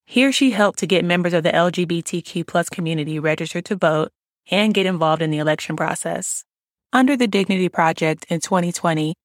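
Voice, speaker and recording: Low-voiced female podcast host, dry sound. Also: no echo. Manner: reads the guest bio smoothly, then asks relaxed questions. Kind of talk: scripted introduction then interview.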